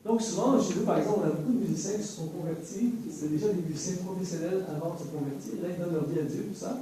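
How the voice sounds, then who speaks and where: A man with a Canadian French accent, from French Canada, preaching to a worship team in a lively, joking way, repeating key phrases. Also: high-pitched, racing, slight background noise. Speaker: worship teaching speaker. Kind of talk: sermon. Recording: very echoey room, voice from far off.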